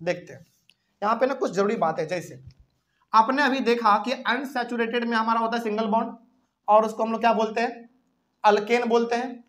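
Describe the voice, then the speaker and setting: Step by step at the whiteboard, a man explains a chemistry lesson in Hindi and puts questions to the class. He has a Bihari accent and a very high-pitched, fairly bright voice, and he speaks fairly quickly.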